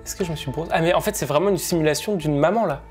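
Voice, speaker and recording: A man's voice: a little high, very fast, darkish tone, soft background music. A young man in a reaction vlog, jittery and laughing, who repeats himself when uneasy, talking into a headset mic. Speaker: gaming and tech YouTuber.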